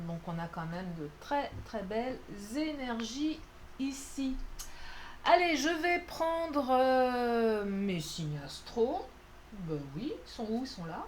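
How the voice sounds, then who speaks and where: Woman doing a tarot reading, kinda high voice, jokey and chatty, little bit of room noise. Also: expressive, takes it slowly. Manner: chatty, playful, self-mocking, many fillers. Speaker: tarot card reader. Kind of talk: casual spoken card reading.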